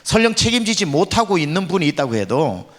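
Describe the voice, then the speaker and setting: A man's voice: fairly high pitch, very animated, fairly quick, a bit bright, in a large hall. A male senior pastor delivering a revival sermon, telling a story dramatically and acting out the voices he quotes. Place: church revival meeting.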